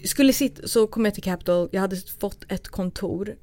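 A woman's voice: mid-range voice, warm tone, slight background noise. A woman from Sweden, a guest in her thirties, telling anecdotes in a casual interview and acting out the dialogue.

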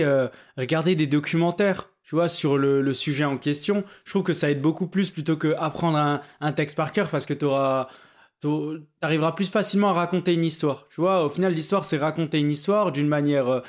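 A young man co-hosting a podcast, chatting casually and hesitantly while giving study tips. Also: on the high side. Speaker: podcast co-host. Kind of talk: casual chat.

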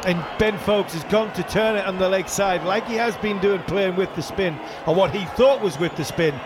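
A man delivers cricket commentary as an analyst, in a slightly high voice. He explains and repeats points for emphasis, with clear ground noise behind him. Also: normal speed. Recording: noisy outdoor broadcast. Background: stadium background noise.

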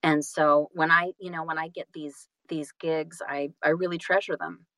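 A woman with a low, fairly bright voice and fairly even intonation chats casually as an interview guest; she is a singer and audiobook narrator. She is effusive but halting, often stopping to correct herself mid-sentence. The recording is dry and low quality.

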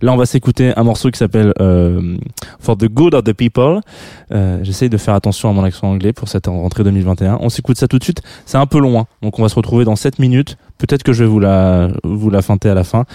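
A man with a lowish, mellow voice hosts a radio music show from a dry studio. He talks casually, musing aloud and correcting himself as he goes. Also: quick pace, hardly any pauses, no room sound. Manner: rambling, musing and self-correcting. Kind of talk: casual on-air talk introducing a track.

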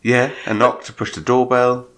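A man's voice: medium pitch, level tone, moderate pace, a bit bright. A man from Norwich with a Norfolk accent, co-hosting a podcast with dry, wry remarks. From Norwich, England. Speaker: podcast co-host. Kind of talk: casual chat.

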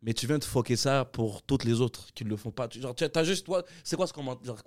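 A man in casual podcast chat, emphatic and fast, dropping English slang. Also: mid-range voice, darkish tone, no echo, clean studio sound. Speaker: podcast host.

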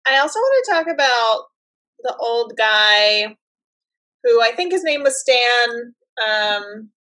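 A woman's voice: mid-range voice, bright, forceful tone, low-quality recording. A woman co-hosting a casual chat, musing her way through her thoughts with frequent fillers. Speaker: podcast co-host. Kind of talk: casual chat about a TV episode.

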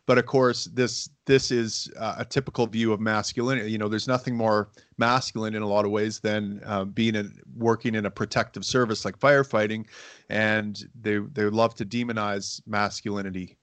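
A middle-aged man hosts a casual podcast chat in a low, fairly flat voice. He rambles through his points with many fillers and restarts. The sound is dry and close. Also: moderate pace, no echo. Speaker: podcast host.

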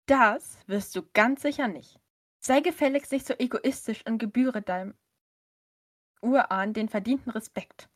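A woman's voice: fairly high pitch, measured pace. A woman reading the part of a firm, scolding mother. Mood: stern. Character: stern, protective mother, middle-aged.

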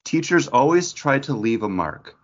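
Reading out questions and chatting between them, a man hosts a casual podcast trivia quiz on a dull, lo-fi online call. He has a mid-range, sing-song voice and a moderate pace.

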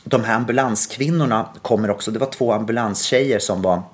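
A man hosting a podcast, telling a story casually with lively quoted dialogue and frequent restarts. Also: fairly low pitch. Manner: animated retelling with quoted dialogue and many restarts. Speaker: podcast host.

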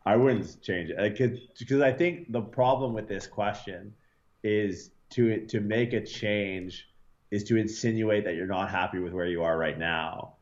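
A man's voice: lowish voice, a little slow. A man in his thirties, a podcast guest, talking in a rambling, laid-back way with swearing and fillers. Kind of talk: casual podcast interview. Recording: slightly dull lo-fi sound with faint noise.

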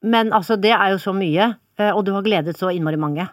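A woman's voice: medium pitch, no echo, studio quality. A woman, co-hosting a casual chat, reacting and listening closely. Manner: supportive listener, short reactions.

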